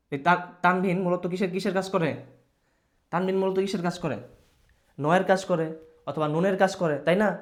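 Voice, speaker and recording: A male teacher giving a patient children's reading lesson, asking questions, answering them himself and mixing in English words. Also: high voice. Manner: mixes English words into his speech.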